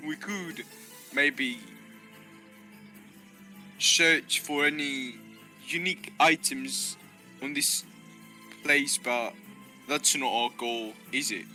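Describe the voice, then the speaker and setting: A man's voice: mid-range voice, drawn-out words, pauses often, pushed and bright, soft background music, rough recording. A man chatting casually as a player in an improvised tabletop role-playing game.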